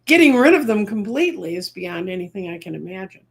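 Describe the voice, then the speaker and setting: A woman's voice: mid-range voice, very animated, quick pace, vocal fry, breathy edge. Chatty, opinionated woman co-host. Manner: opinionated, wry, talkative. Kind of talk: casual political chat.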